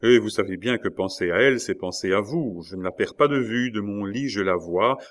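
A man with a low voice voicing a tender, devoted young woman in an audiobook reading, softly and earnestly. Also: brisk, close to an everyday voice.

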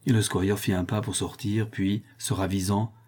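A man reading a classic novel aloud in a measured, expressive audiobook narration. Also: fairly low pitch, breathy edge. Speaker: audiobook reader.

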